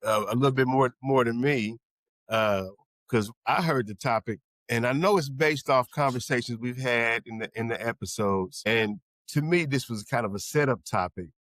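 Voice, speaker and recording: Halting man in casual podcast talk. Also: medium pitch, a bit bright, dry recording, studio quality. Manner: halting, repeats words while thinking. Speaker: podcast co-host. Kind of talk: casual group discussion.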